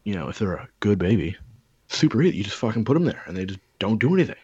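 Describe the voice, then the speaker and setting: A man's voice: on the low side, sing-song, fast talker, mellow, husky, no room sound, highs cut off. A man in a casual chat, telling stories in a rambling, profane way with lots of fillers.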